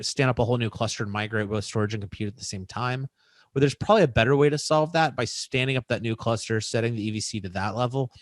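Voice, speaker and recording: A man's voice: mid-range voice, no echo. A man answering technical questions in a casual, chatty way, with frequent fillers. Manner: chatty, uses many fillers.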